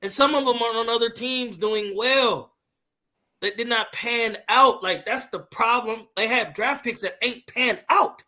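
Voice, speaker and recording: A man's voice: extremely high pitch, measured pace, pushed and bright. A man on a sports panel, slangy and joking, who drops "bro" and "man" into casual chat. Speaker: football show panelist.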